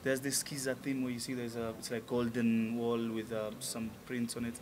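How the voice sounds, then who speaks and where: Brief: enthusiastic male musician in his thirties, mid-pitched voice, clear restaurant chatter behind. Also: flat delivery, moderate pace, background noise. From Tanzania. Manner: upbeat, enthusiastic, many fillers. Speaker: musician guest. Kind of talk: casual interview. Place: restaurant lounge, indoors. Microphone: table mic on stand.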